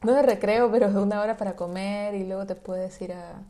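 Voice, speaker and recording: A Peruvian woman, a graduate student, talks fluently and at length in a casual chat, telling stories in a lively way. Her voice sits in the mid range and her pace is brisk.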